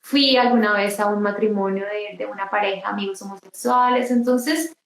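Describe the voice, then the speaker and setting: A woman giving an emotional personal testimony in an interview, halting and restarting often. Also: mid-range voice, steady tone, vocal fry, roomy sound, low-quality recording. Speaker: interview guest.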